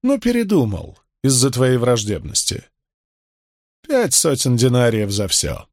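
A man voicing a cold, calculating, smug rich Roman in an audiobook, cool and measured. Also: mid-range voice, wildly swooping pitch, no echo, studio quality, full character voice. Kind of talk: audiobook character voice.

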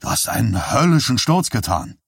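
Gruffly kind grown man, read by a man. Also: mid-range voice, wildly swooping pitch, moderate pace, fairly bright tone, dry recording, studio quality, heavily acted. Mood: calling out.

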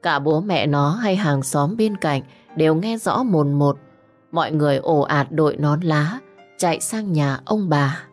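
A woman with a low voice reads a village tale at a measured, dramatic pace. Her delivery slows down at the grim turns of the story. Faint music plays under her narration. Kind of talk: scripted audio story narration.

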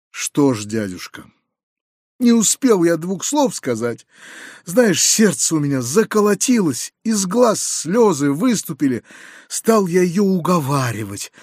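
A man reading an audiobook, voicing an anxious, kindly middle-aged uncle who confides in hushed, lowered tones with hurried outbursts. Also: dry recording, studio quality, heavily acted. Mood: agitated.

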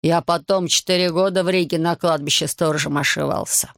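A man voicing a drunk, boastful, sentimental fisherman, dragging and slurring his words in a gravelly voice. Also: on the high side, steady tone, fairly quick, no room sound, clean studio sound. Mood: drunk boasting. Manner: slurred, dragging, loud and maudlin.

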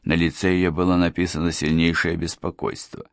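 A man narrating an audiobook in a measured, expressive reading. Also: low voice, creaky, dry recording, studio quality. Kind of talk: scripted narration.

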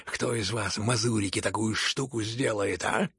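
A man voicing a rough, gloating merchant. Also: fairly low pitch, steady tone, moderate pace, a bit bright, no echo, studio quality, heavily acted. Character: rough, ecstatic young merchant, boastful. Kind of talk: audiobook character reading.

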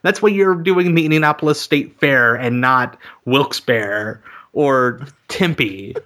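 Wry man with a bright voice. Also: mid-range voice, slow. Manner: wry, sarcastic, joking. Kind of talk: casual comedic chat.

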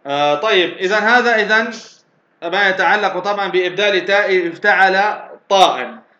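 A man giving a grammar lesson, repeating key words slowly and restarting often. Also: high voice, sharp tone. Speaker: teacher. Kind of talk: classroom lecture on grammar. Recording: roomy, dull lo-fi recording.

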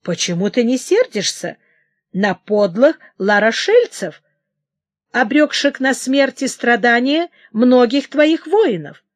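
A woman reading the part of a furious, unhinged young king who shouts in hysterical outbursts. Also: on the high side, very animated, takes it slowly, no echo. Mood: raging.

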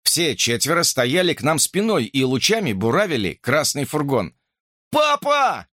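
Animated male audiobook narrator, dry sound. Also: medium pitch, normal speed, dry recording. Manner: expressive, animated reading.

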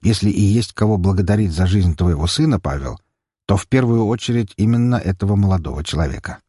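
A man reading an audiobook, voicing a calm nobleman who explains matters plainly. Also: lowish voice, quick pace, breathy edge, dry recording, clean studio sound. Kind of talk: audiobook character voice.

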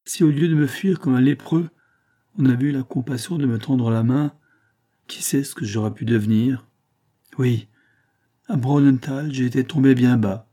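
Feverish and in pain, the middle-aged glassmaker this man portrays is sick and full of self-pity, moaning and begging in a plaintive voice. The performer's voice is mellow and natural, medium in pitch, at an ordinary pace, and the mood is pleading.

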